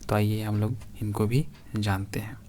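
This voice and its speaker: A man's voice: lowish voice, fairly even intonation, moderate pace, darkish tone, a little hiss or hum. A man teaching a grammar lesson for exam preparation, reading out word examples one by one and addressing viewers as friends.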